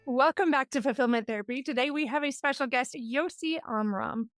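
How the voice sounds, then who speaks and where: A woman's voice: high-pitched, brisk, fairly bright tone, soft background music. A woman hosting a podcast interview, upbeat and enthusiastic. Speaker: podcast host.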